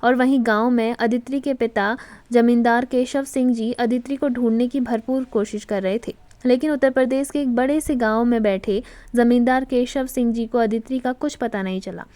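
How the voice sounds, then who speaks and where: A woman storyteller reading a romantic serial as a steady, scripted audiobook narration. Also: fairly high pitch.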